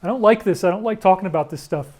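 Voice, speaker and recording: A man delivering an emotional commentary monologue, emphatic and prone to sudden loud outbursts. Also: high voice, rapid-fire. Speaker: online commentator.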